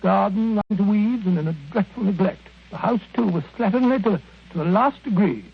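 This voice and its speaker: An actor playing a genial, bumbling British gentleman doctor in old radio drama style, eager, hesitant and blustering. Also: sits high, a little fast, gravelly, breathy edge, full character voice. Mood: earnest. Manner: hesitant, blustering, chuckling storyteller. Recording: very muffled vintage radio recording.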